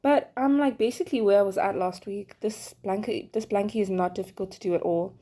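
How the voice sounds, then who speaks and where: A woman in her twenties hosts her own solo podcast, chatting casually and rambling with lots of fillers while she crochets. Her mid-range voice is brisk and dark in tone.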